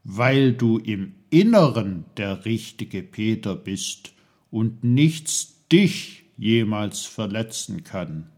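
A man voicing a kindly, wise tiny magical man who gently instructs a child, in a husky, slow storybook reading. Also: fairly low pitch, big pitch swings, full character voice. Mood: gentle.

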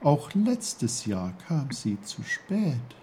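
A tiny, gentle snowdrop flower speaks in a soft, high, hesitant voice, as a man narrating a storybook puts her on. Her lines come slowly, with a mellow, warm tone. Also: very animated, slightly rough, full character voice. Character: small delicate female snowdrop flower, gentle.

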